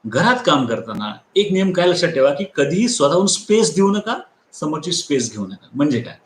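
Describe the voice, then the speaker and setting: A man's voice: a little high, a little fast, roomy sound. A man giving a live motivational lecture, telling stories, acting out the people in them and repeating key lines for emphasis. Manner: animated storyteller who acts out quoted people. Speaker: motivational speaker and trainer.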